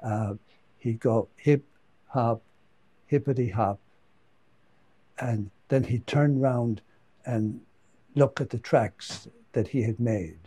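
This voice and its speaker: A priest recounts a children's story from memory during a homily in a mellow, dark, mid-pitched voice. He pauses often with fillers and repeats words as he goes. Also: breathy edge, no room sound.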